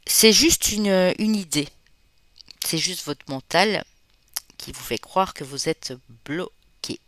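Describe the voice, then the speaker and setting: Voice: mid-range voice, animated, a bit bright, no echo. A card reader from the Spanish Basque Country giving a casual, chatty tarot reading, often tagging sentences with "hein" and calling listeners friends. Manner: chatty, fills pauses with "hein", calls viewers friends. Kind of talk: informal tarot reading to viewers.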